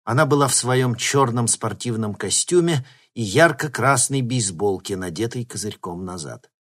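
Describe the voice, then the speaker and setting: A man narrating an audiobook with a lively, expressive reading. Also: medium pitch, moderate pace. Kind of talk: scripted narration.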